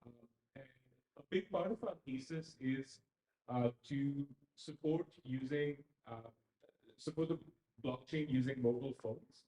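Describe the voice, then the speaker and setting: Male speaker from Dubai, hesitant presenter, mid pitch, echoey hall. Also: a little slow, dark tone. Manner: hesitant, many uh fillers. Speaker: conference speaker. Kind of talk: presentation talk. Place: event venue. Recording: roomy event hall.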